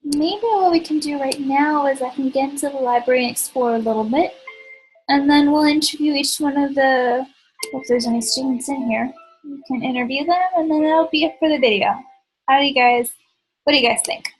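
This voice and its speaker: A woman's voice: high-pitched, fairly even intonation, brisk, soft background music, poor audio. A woman hosting a let's play, chatting as she plays, thinking aloud, and tossing in sarcastic asides. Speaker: gaming channel host.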